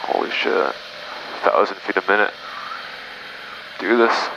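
A man flying a small plane, talking through his cockpit headset intercom in calm, clipped radio phrasing. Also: lowish voice, measured pace, creaky. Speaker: private pilot. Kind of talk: flying vlog with radio calls and checklists. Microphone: aviation headset. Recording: muffled intercom with engine noise.

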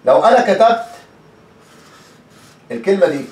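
A man's voice: high voice, very animated, moderate pace, darkish tone, roomy sound. A man from Egypt with an Egyptian Arabic accent, teaching English pronunciation in a chatty, repetitive way and acting out examples. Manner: chatty, repeats words, acts out examples. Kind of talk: casual spoken lesson.

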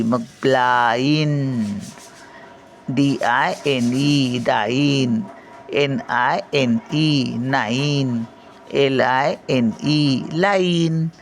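Older grandmother teaching kids spelling; very unhurried, letter-by-letter delivery with check-ins. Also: very deep voice. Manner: spells out each word slowly then says it, checking with "हं?". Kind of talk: slow spelling lesson, letter by letter.

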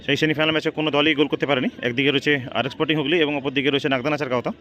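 A man's voice: fairly high pitch, fairly even intonation, racing, sharp tone. A man gives live football shootout commentary, repeating stock phrases and dropping in English words. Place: outdoors at a local football ground. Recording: outdoor ground with crowd noise. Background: crowd and outdoor noise.

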